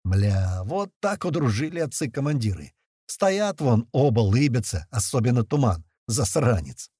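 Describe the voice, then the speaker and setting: A man narrating a first-person audiobook in a coarse, slangy, expressive way. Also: medium pitch, unhurried, breathy edge, dry recording, clean studio sound.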